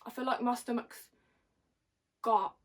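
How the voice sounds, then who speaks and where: A young woman chats to camera in a fairly high voice. She sounds tipsy and giggly, rambling along in casual slang and poking fun at herself. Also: fairly even intonation, a little slow. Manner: rambling, slangy, self-mocking. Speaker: vlogger.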